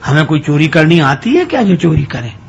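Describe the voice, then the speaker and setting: A naive old devotee who has spent his life in prayer and blurts everything out too loudly, as a man puts him on. The voice is fairly high and gravelly. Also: very animated, brisk, highs cut off, a little hiss or hum. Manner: naive, loud-spoken. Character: pious old male devotee, simple and guileless.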